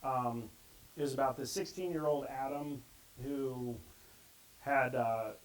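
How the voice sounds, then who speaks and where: A man's voice: medium pitch, takes it slowly, rough recording. A middle-aged man giving a conversational conference talk and acting out the quotes he reads. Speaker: conference speaker.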